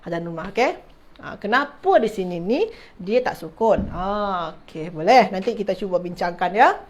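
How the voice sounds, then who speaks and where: A woman teaching an online Arabic grammar class. She repeats terms, restarts words and keeps checking whether her listeners understand, addressing them formally as ladies and gentlemen. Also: medium pitch, expressive, moderate pace. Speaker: religious teacher.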